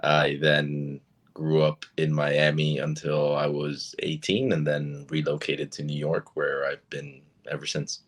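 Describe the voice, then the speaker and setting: A man from Argentina whose first language is Spanish speaks in a very deep voice with a fairly flat melody. He tells stories in a relaxed, casual way, often pausing on fillers. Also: breathy edge. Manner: relaxed, storytelling, many fillers. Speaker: actor, interview guest. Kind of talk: casual interview.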